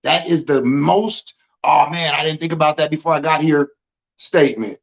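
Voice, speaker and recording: A man's voice: a little high, moderate pace, creaky, dull audio. A man, born in Germany, explaining venom medicine in a laid-back, casual livestream chat, using vivid analogies.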